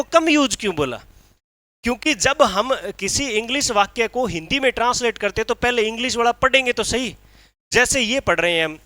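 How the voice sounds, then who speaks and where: High-voiced guy teaching exam prep, bright tense tone, keeps asking the class questions. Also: no echo. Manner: emphatic, rhetorical questions, reads English lines slowly.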